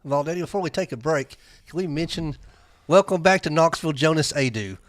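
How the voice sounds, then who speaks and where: A man's voice: fairly high pitch, animated, a little fast, no echo. A man co-hosting a live sports podcast, telling fan stories in a chatty, chuckling way. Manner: storytelling, chuckling. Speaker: podcast co-host. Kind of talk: casual sports chat.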